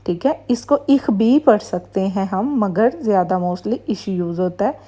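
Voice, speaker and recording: A woman teaching German pronunciation, reading example words slowly one at a time and explaining each rule. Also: mid-range voice, dark tone. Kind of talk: slow pronunciation lesson.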